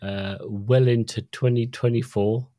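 Middle-aged man, co-host, relaxed chatty delivery, mellow tone, dry close sound. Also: medium pitch, unhurried, dry recording. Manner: chatty, easygoing, with stumbles and restarts. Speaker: podcast co-host. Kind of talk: casual chat.

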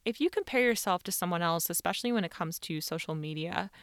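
A woman with a slightly low, smooth voice gives informal self-help advice like a podcast coach. She speaks conversationally and leans on key words for emphasis. The sound is very dry, recorded in a small closet. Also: animated, fast talker, no room sound. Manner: conversational, emphatic, frequent "like" and "really". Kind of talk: informal motivational advice talk.

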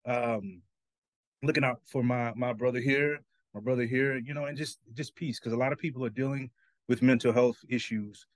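A man's voice: medium pitch, steady tone, normal speed, no room sound. A man speaking as a talk-show guest, earnest, often repeating himself as he searches for words. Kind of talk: casual talk-show chat.

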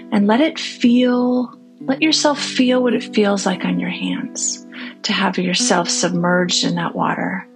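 Guiding families and children through meditation, a woman with a fairly low voice speaks in a gentle, reassuring way, occasionally dropping to a breathy near-whisper. The recording quality is low.

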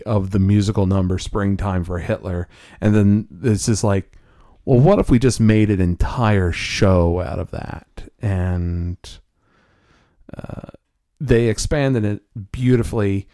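Low, mellow-voiced man chatting. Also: dry recording, studio quality. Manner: thoughtful, halting with restarts. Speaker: podcast co-host. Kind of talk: casual chat.

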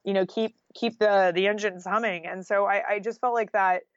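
An American freelance journalist, appearing as an interview guest, speaks in a medium-pitched, steady voice at normal speed. She's candid and conversational, often saying "like" and "you know," and the recording is dry and a bit muffled with no echo.

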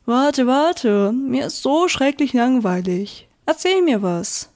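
Bored male rock lump, gossipy and chatty, voice pitched up a bit; a woman reads it. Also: expressive, takes it slowly, darkish tone, exaggerated voice. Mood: pleading.

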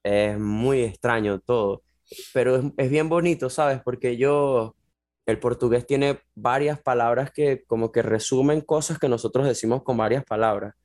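A man's voice: mid-range voice, normal speed. A man in his twenties from Venezuela with a Venezuelan Spanish accent, chatting casually as a podcast guest and sprinkling in fillers like "bro". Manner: relaxed, chatty, many fillers like "bro" and "este". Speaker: guest, jiu-jitsu athlete.

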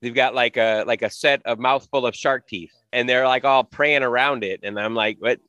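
A man's voice: mid-range voice, steady tone, normal speed, pushed and bright, no echo, dull audio. A man co-hosting a podcast, chiming in with agreement and personal anecdotes in casual movie chat. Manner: agreeable, chimes in, tells anecdotes. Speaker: podcast co-host.

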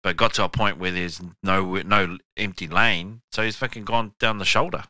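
Deep, bright-voiced Kiwi man, slangy. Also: fairly even intonation, normal speed, no echo. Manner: laid-back, slangy, swears freely. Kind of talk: casual chat.

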